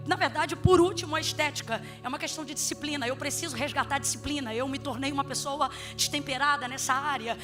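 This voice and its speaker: A woman pastor preaching a sermon in church, switching between emphatic shouting and humorous, chatty asides. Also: high-pitched. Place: church sanctuary.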